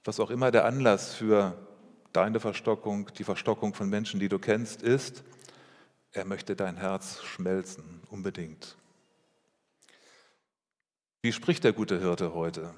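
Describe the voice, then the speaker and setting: Low-voiced pastor preaching in a reverberant church. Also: male voice, steady tone. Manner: measured, rhetorical questions and repeated phrases. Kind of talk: sermon. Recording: long reverb of a church hall.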